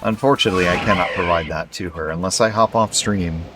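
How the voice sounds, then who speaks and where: A male streamer chatting casually at home at night while playing a game, relaxed and rambling with many fillers. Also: low voice, quick pace, loud music behind the voice. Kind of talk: casual gameplay commentary.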